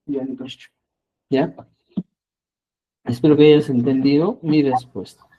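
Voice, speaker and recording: A man's voice: medium pitch, fairly even intonation, slow pace, phone-quality sound. A man teaching an online language class, patiently explaining and often checking in with the students.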